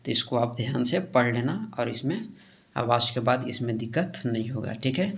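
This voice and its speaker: A man's voice: mid-range voice, animated, normal speed. A male teacher explaining grammar step by step in a classroom lesson, asking questions and answering them himself. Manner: explains step by step with frequent "theek hai" check-ins.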